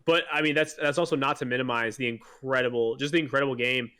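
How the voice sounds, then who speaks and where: A man's voice: medium pitch, fairly even intonation, fast, bright, forceful tone, clean tone. A man co-hosting a casual sports podcast, rambling with many fillers and restarts, enthusiastic as a fan. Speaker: podcast co-host.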